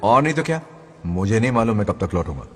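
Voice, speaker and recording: A man's voice: lowish voice, big pitch swings, fast, fairly bright tone. An actor dubbing a cheeky grandfather ghost in heaven who teases and wisecracks. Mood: bantering. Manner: teasing and wisecracking. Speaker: lead character in a dub. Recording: long reverb under music.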